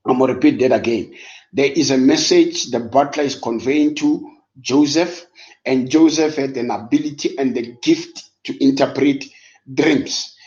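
A man's voice: medium pitch, moderate pace, a little mellow. A South African man, a native Sotho speaker, preaching a live-streamed Bible lesson with emphatic repetition and rhetorical questions. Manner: switches between English and Sotho. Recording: dull, lo-fi live-stream audio.

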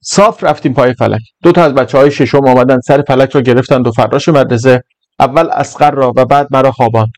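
A man's voice: mid-range voice, no echo. Man reading a story in a dry room. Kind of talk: scripted narration.

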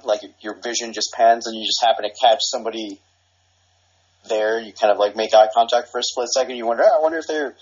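A man talking casually over a dull, muffled speakerphone line. His voice sits a little low and sounds husky. He rambles in a relaxed way, swears freely and leans on lots of fillers. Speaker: cousin reviewing movies. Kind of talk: casual chat.

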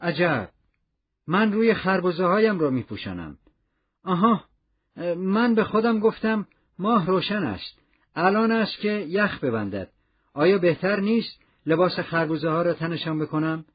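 A man voicing an excitable, chatty old male gardener with a trembling voice, in a dull lo-fi recording. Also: high-pitched, slightly rough, exaggerated voice. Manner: exclaiming, rapid questions.

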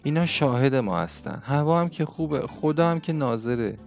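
A man's voice: mid-range voice, animated, gravelly, darkish tone, soft background music. A man voicing an elderly woman in an audiobook, stammering and pleading as she trembles.

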